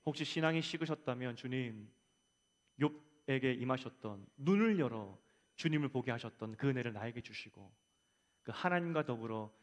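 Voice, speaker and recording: A man delivers a Sunday sermon from the pulpit, his mid-pitched voice ringing with the long reverb of a church sanctuary. He builds to loud, fervent appeals and then lets each phrase sink quietly at its end. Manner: swells louder on appeals, drops soft at ends of phrases. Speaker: pastor.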